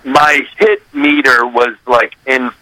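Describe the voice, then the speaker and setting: Animated man with a very bright voice. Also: medium pitch, takes it slowly, poor audio. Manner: animated, acts out quotes and scats melodies; swears casually. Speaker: recording artist. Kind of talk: casual storytelling in an interview.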